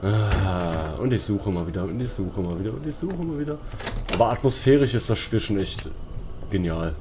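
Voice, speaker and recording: A man with a lowish voice and lively intonation talks at a normal speed, muttering casual, slangy commentary as he plays a horror game for his let's play stream. The background is noisy with eerie music and game sounds.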